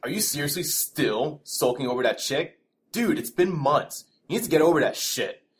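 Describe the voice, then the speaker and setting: A man's voice: a little high, lively intonation, moderate pace, natural voice. A young man playing a pushy, pleading college frat guy in an audio story, talking in casual slang. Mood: teasing. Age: young adult. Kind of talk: audio drama acting.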